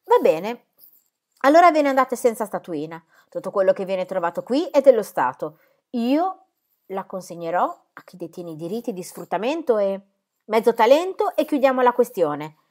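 A woman reading the part of a greedy, threatening male mine overseer in a storybook, speaking loudly and bullying. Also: medium pitch, big pitch swings, moderate pace, pitched above the performer's own voice, lightly acted. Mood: menacing. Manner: loud and bullying.

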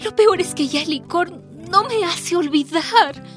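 A woman's voice: very high-pitched, unhurried, soft background music. A woman playing a lonely middle-aged housewife and mother who has turned to drink, telling her story in a confessional, tearful radio drama monologue. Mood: weary. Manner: confessional, tearful, self-pitying. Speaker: housewife protagonist narrating her life.

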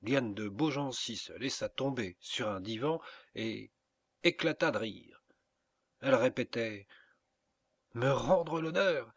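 Homme lisant un conte, très posé. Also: male voice, mid-range voice, no echo. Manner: measured, unhurried. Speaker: audiobook reader. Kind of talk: scripted narration.

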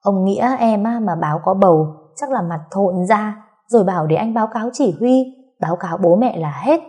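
A woman voicing a sharp-tongued young woman who mocks her friends. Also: medium pitch, a little fast, natural voice. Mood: sassy. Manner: mocking, sassy.

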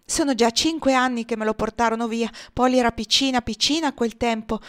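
A woman voicing a talkative aging house cook, devoted and emotional, in a lively exclaiming way. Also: fairly high pitch, fairly quick, lightly acted. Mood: eager.

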